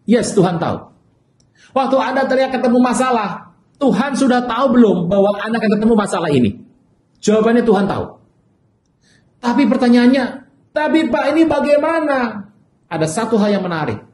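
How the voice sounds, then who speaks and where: Guy preaching a sermon, pretty high voice, lots of echo, acts out the cries for help. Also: fairly quick, pauses often. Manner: animated preaching, acting out desperate cries for help. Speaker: pastor.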